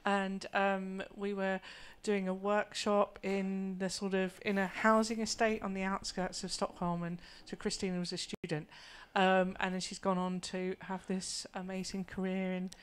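A woman host introducing a speaker on stage in a relaxed, conversational way. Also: medium pitch, moderate pace, hardly any pauses, clear, resonant tone. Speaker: event host. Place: stage at a lighting industry event.

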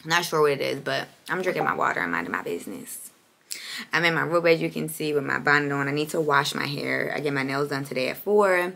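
A hoarse young woman talks to her camera in a casual, slangy vlog, playful and sassy. Her voice sits low and gravelly with a bright, sharp edge, and she keeps clearing a raspy throat. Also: fairly quick. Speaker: vlogger.

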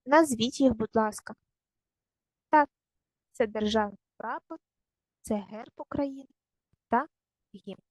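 A woman teaching a recorded primary school lesson, giving clear, patient step-by-step instructions to young children. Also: fairly high pitch, takes it slowly, long pauses, no room sound, rough recording.

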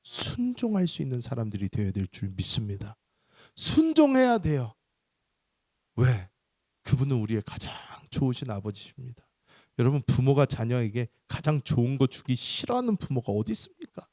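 Animated male pastor preaching. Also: mid-range voice, brisk, no room sound, clean studio sound. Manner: animated storytelling, acts out voices. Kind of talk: sermon.

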